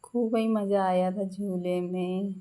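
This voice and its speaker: Slow, mellow-voiced woman from Madhya Pradesh. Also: medium pitch, steady tone. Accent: Madhya Pradesh Hindi. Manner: chatty, storytelling, laughs often. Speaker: vlogger. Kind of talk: casual vlog voice-over narration.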